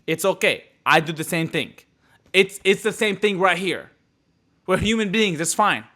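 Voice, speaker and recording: A young man from the Middle East giving a passionate live motivational talk to his audience, repeating phrases and swinging from loud bursts to hushed, quiet lines. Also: high-pitched, moderate pace. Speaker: motivational speaker.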